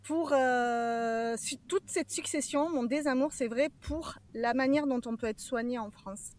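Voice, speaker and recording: A woman giving a personal testimony as a podcast guest, earnest and emotionally charged, often pausing to search for words. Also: sits high, a little mellow.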